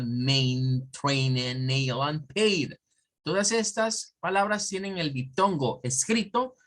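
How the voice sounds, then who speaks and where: A man's voice: on the high side, a bit bright. Male teacher explaining step by step. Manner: explanatory, checks in with frequent tag questions. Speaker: English teacher. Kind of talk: online class lecture.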